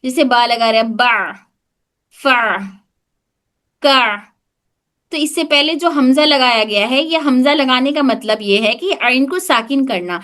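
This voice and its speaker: High-voiced woman teaching on a video call. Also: lively intonation, fairly bright tone. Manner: patient, demonstrates sounds slowly and repeats them. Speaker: tajweed teacher. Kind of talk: online class teaching Arabic letter sounds.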